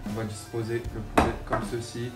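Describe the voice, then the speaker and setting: A man's voice: medium pitch, monotone, brisk. A man, casually demonstrating cooking. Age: 20s. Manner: slangy, informal banlieue talk. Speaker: vlog host. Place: home kitchen. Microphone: camera a few steps away. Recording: echoey kitchen, distant mic, music.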